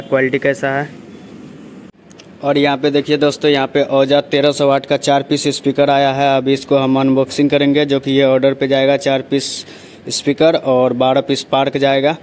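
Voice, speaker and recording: Flat-voiced young man touring a warehouse. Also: medium pitch, a little hiss or hum. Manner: steady salesman-like patter, repeats "dekhiye" and "dosto". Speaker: vlogger showing a speaker cabinet factory. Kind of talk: casual vlog walkthrough. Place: large warehouse, partly outdoors. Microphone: phone held at arm's length.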